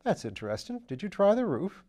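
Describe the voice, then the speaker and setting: A man's voice: sits high, very animated, warm tone, voice pushed up. Lord Peter Wimsey, a man doing a chirpy upper-class sleuth. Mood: breezy. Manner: chatty, upper-class slang, brisk and eager. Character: breezy aristocratic English gentleman sleuth, man. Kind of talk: audiobook character voice.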